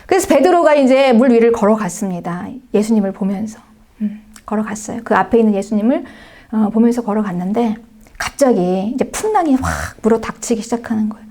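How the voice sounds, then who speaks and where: A woman's voice: a little high, brisk. A woman pastor preaching a sermon, retelling scripture as a story, often slipping in short affirmations and sometimes dropping to a near-whisper. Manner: animated storytelling, acting out scripture voices; frequent affirming asides and soft drops to near-whisper.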